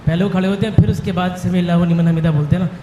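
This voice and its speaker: A man in the audience asking a question in a halting way, repeating himself as he explains. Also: sits high, steady tone. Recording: echoey room with clear background noise.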